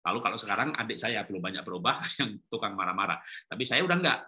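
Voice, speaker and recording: A man's voice: lowish voice, expressive, quick pace, pushed and bright. A middle-aged man preaching a conversational church sermon, telling family stories and acting out the voices of his children.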